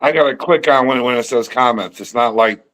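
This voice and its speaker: A man's voice: mid-range voice, a little fast, fairly bright tone. A man in his fifties hosting a livestream, chatting casually over a video call in an easygoing, reassuring way. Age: 50s. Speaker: livestream host. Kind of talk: casual chat.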